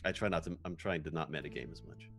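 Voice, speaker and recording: A man's voice: a bass voice, fast, faint music behind. A man chatting casually as a player, often restarting his words and poking fun at himself. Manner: stammering restarts, self-deprecating. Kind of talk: casual chat.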